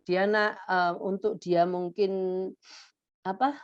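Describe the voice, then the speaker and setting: A woman's voice: medium pitch, flat delivery, slow, clear, resonant tone, dry recording, soft background music. A woman, a child therapist, patiently explaining to parents how to handle their child's behavior, speaking directly to them in a conversational way. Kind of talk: conversational advice talk. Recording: dull, muffled sound.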